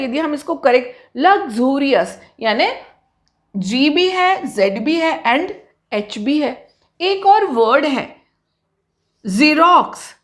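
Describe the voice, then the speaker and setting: A high-pitched woman teaches pronunciation in a slow, lively voice. She keeps asking the class questions and then answers them herself, and she draws out each example word as she spells it. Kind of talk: explanatory lesson to students.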